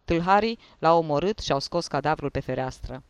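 Un bărbat care joacă un judecător de instrucție de vârstă mijlocie, nerăbdător și autoritar, care vorbește tăios. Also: male voice, a little high, clear, resonant tone, dry recording, lightly acted. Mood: stern. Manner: curt, scolding. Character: irritable middle-aged male investigating judge, impatient and bossy.

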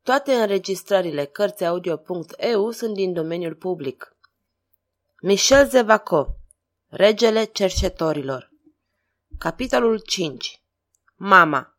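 A woman's voice: mid-range voice, expressive, long pauses. Woman reading an audiobook dramatically. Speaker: volunteer audiobook reader. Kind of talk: scripted audiobook narration.

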